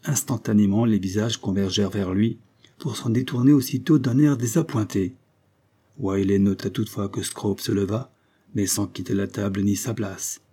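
A man reading a novel aloud at a measured, even pace. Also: on the low side, husky. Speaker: audiobook narrator. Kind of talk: scripted narration.

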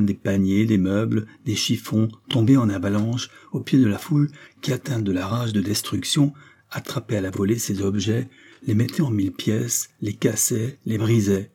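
A man reading a literary audiobook with measured, grave storytelling. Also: fairly low pitch, fairly even intonation, mellow, breathy edge. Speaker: audiobook narrator.

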